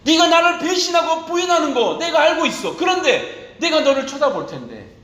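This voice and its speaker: A man's voice: very high-pitched, very animated, normal speed, bright, forceful tone, reverberant, low-quality recording. A man preaching a sermon as pastor, impassioned, shifting into tender quoted speech.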